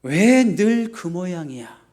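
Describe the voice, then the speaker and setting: A man's voice: high-pitched, very animated, slow, a little mellow, full character voice. A pastor voicing an exasperated husband who scolds his wife for never being ready in time. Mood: nagging. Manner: scolding, repeats his questions.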